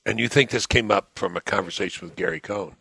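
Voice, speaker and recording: A man's voice: lowish voice, fast talker, vocal fry, bright, forceful tone, slightly rough, dry recording. A man hosting an interview, chiming in with short questions and agreement. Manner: brief affirmations, conversational. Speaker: host. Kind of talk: interview conversation.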